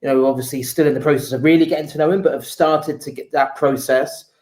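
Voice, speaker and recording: A man answering interview questions as a football journalist, explaining things in a measured, conversational way. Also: on the high side, fairly even intonation, darkish tone. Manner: measured, explanatory, often says "you know". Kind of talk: casual interview answers, informed analysis.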